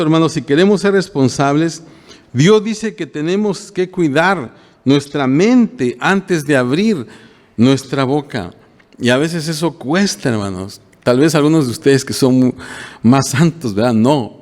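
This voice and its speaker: Older pastor with a high-set voice. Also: male voice, in a large hall. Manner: homely, plain-spoken, often asks the congregation "¿verdad?". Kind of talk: conversational sermon.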